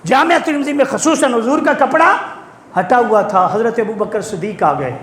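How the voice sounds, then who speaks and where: A man preaching a sermon with fervor, often rising to shouts and calling on the congregation to respond. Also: very high voice, echoey room, a little hiss or hum. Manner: fervent, rising to shouts, calls for congregation replies. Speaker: Islamic preacher. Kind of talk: impassioned sermon.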